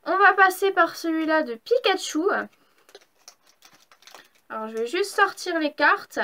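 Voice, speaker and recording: Bright high-voiced woman opening card packs. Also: expressive, unhurried. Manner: enthusiastic, gushing, exclaims over each card. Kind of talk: casual unboxing vlog.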